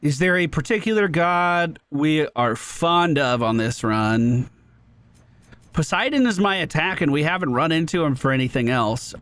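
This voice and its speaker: A man with a fairly high, slightly bright voice hosts a gaming video, offering upbeat running commentary on his own play over video game music.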